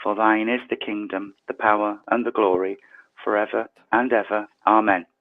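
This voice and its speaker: Guy leading a prayer service, tinny phone-line sound, slow soft prayers. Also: lowish voice, little pitch movement. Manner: reads prayers softly and slowly. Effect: tinny sound from a changed earpiece mic. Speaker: service leader. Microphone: earpiece headset mic. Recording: tinny phone-like online call.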